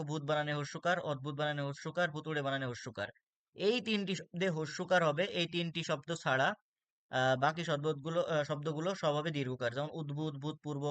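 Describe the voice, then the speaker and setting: A man's voice: on the high side, fairly bright tone, no room sound. A man with a Bangladeshi Bengali accent teaching a spelling lesson for exam students, explaining step by step and repeating words with frequent "ah" fillers.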